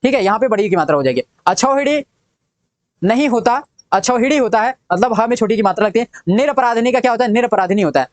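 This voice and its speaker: A man's voice: sits high, expressive, rapid-fire, few pauses, dry recording. A young adult man teaching an exam-prep spelling lesson, repeating each word and quizzing what it turns into. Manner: drilling, repeats each word and asks "what does it become".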